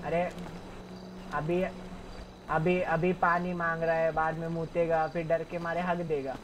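A man's voice: a little high, level tone, a little slow, background noise. A man in a gangster roleplay who taunts a hostage and directs the crew. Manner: taunting, bossy. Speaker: fellow player in a gangster roleplay.

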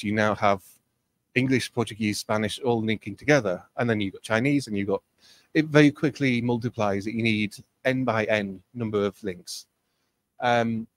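A man's voice: on the low side, no echo. A man presenting a technical training webinar, explaining conversationally with frequent ums and uhs.

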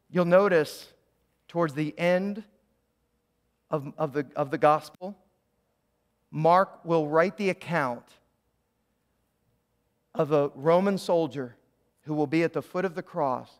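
A man's voice: on the high side, slow, long pauses. A man preaching a sermon as a pastor in a church, stopping and restarting phrases and asking the congregation to repeat lines after him. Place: church sanctuary.

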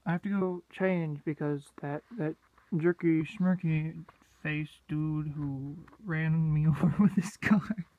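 Chatting casually into a handheld phone as they move outdoors, into a store and around a room, this vlogger rambles playfully and bursts into goofy song. The medium-pitched voice has fairly even intonation and a slow pace, and the dry recording sounds narrow and tinny.

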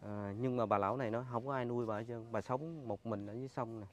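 A man with a Mekong Delta accent hosting a charity vlog, gently questioning an old woman and often exclaiming in sympathy. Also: mid-range voice, fast, a little hiss or hum. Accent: Mekong Delta Vietnamese. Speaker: charity vlogger host. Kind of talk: street interview and vlog intro.

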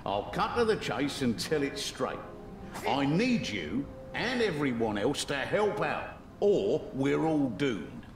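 An actor playing a middle-aged, plain-spoken innkeeper in a dark fantasy game, matter-of-fact and blunt. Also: male voice, medium pitch, big pitch swings, takes it slowly. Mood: blunt, urgent. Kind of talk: scripted game dialogue. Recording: roomy, distant, noisy game ambience.

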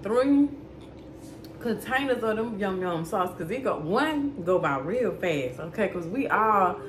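A woman's voice: lowish voice, noisy background. A woman in her thirties hosting a casual cooking vlog from her home kitchen, chatty and talking straight to her viewers. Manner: chatty, addresses viewers as y'all and baby. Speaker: cooking channel host.

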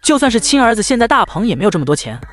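Rapid-fire and very animated, a man with a high, slightly bright voice recaps a short drama over clips for laughs. He mocks the story and keeps tossing in joking asides.

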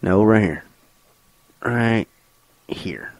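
A man's voice: on the low side, lively intonation, drawn-out words, a little mellow. A young man co-hosting a casual radio show, rambling through crude stories with profanity and laughs. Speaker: co-host.

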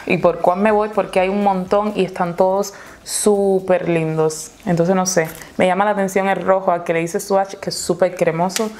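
A woman's voice: fairly low pitch, level tone, moderate pace, a little mellow, slight background noise. A woman with a Chilean accent, chatting casually and gushing as she tries out eyeshadows in a makeup tutorial. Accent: Chilean Spanish. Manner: chatty, gushing over products. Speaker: beauty vlogger.

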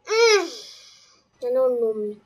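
A woman's voice: high-pitched, sing-song, slow pace, heavily acted. An actress in a Nollywood film playing a defiant, boastful young woman who mocks and laughs, speaking with a Nigerian Pidgin accent. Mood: taunting. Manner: boastful, mocking, laughs often. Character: brash, defiant young woman scheming for a man. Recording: film soundtrack with music underneath.

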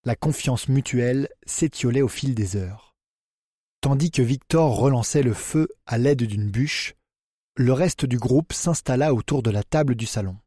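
A man narrating a thriller audiobook in an even, measured reading. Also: medium pitch, dry recording, studio quality. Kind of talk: scripted narration.

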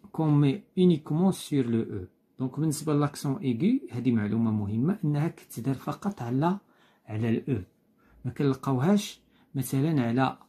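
A man with a Moroccan Arabic accent teaching a school lesson, patiently repeating key points and reading examples slowly. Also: medium pitch, dark tone.

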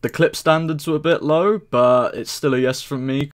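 A man's voice: a little high, fairly even intonation, normal speed. A man hosting an online talent show over voice chat, upbeat and presenter-like.

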